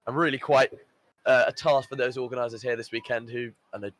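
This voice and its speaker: A man's voice: mid-range voice, steady tone, fast, fairly bright tone, rough recording. Upbeat man commentating a live event. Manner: enthusiastic, upbeat, lots of praise and fillers.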